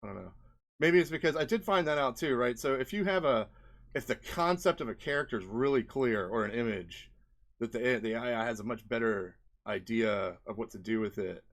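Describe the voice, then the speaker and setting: Animated and a little fast, his medium-pitched voice carries a relaxed screen-share in which he, an indie game developer, presents his experiments. He rambles and works through his thoughts aloud.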